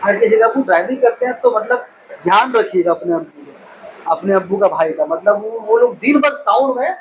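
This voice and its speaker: Male speaker with a strikingly high voice, chatty lecturer style, recorded in a reverberant room with faint background hum. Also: animated, moderate pace. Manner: rambling, conversational, asks and answers own questions. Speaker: speaker explaining a health topic. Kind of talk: informal explanatory talk. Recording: echoey room with faint ambient noise.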